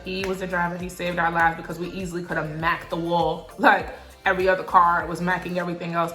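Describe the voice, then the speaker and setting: Young woman vlogger, animated and profane storyteller, echoey room with light music behind. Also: fairly low pitch. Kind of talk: storytime vlog.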